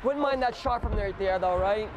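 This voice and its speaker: A man's voice: sits high, moderate pace, dull audio, background noise. A man coaching youth hockey from the bench, barking short commands and encouraging his players. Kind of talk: shouting instructions from the bench. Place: ice rink bench.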